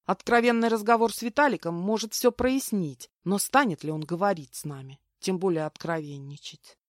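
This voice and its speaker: A woman giving lively first-person audiobook narration into a close mic. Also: medium pitch, moderate pace, dry recording.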